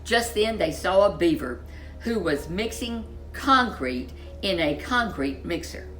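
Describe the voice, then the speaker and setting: Faint music plays as a woman with a fairly low-pitched voice reads a children's story aloud as host. Her narration is expressive, stretching out key words with dramatic emphasis.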